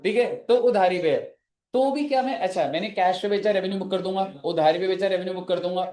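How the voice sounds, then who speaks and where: A male teacher with an Indian accent lectures his class in a high, dark-toned voice at a quick pace, switching between Hindi and English and joking with the students. It was recorded on a phone from far off in an echoey classroom.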